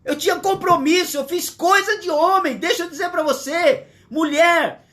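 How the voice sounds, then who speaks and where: A man's voice: extremely high pitch, bright, forceful tone. A man in his sixties with a Brazilian Portuguese accent, preaching a livestreamed sermon from his home in an earnest, emphatic way, repeating his points. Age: 60s. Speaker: pastor.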